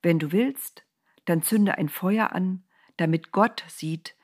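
A gentle, patient male angel speaks in hushed, breathy whispers, slow and calm, as a woman storyteller puts him on. The tone sits on the low side and stays airy throughout the storybook telling. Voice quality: soft whisper.

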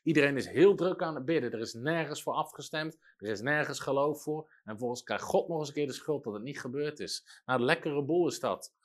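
A man's voice: a little high, a little fast, few pauses. A man preaching a sermon, emphatic and storytelling, acting out the people he quotes.

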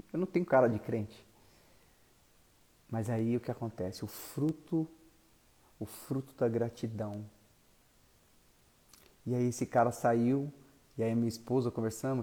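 A male pastor, telling a story in an animated sermon that swings from loud to soft. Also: mid-range voice.

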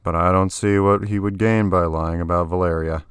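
A man voicing a boastful, easygoing male rebel co-pilot in his own low voice. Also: fairly even intonation, normal speed, clear, resonant tone, dry recording, studio quality, close to an everyday voice. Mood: cocky.

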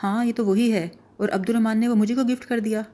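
A woman voicing an excitable, proud little girl in an audiobook, talking loudly and insistently. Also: a little high, lightly acted. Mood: delighted.

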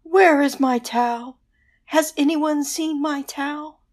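A woman's voice: sits high, takes it slowly, voice pushed up. A woman voicing a vague, wandering female ghost with a moaning, plaintive voice in a storybook reading.

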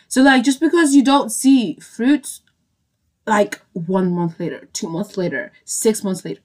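A young woman hosting a podcast, chatting casually about her faith, often repeating phrases and checking in with her listeners. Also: mid-range voice. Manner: chatty, repeats phrases, asks "do you know what I mean". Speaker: podcast host.

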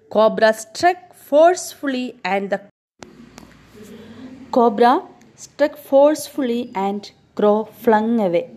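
A woman teacher talks slowly and expressively, her pitch swooping up and down as she retells a story. She stops often to put questions to her students and leans on key words for emphasis. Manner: expressive, quizzes listeners with questions.

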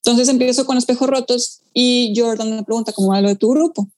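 A young woman, a pianist chatting casually and telling stories with lively quoted asides. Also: on the high side. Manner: animated storytelling, quick asides and acted-out quotes. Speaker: pianist guest. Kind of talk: casual conversation.

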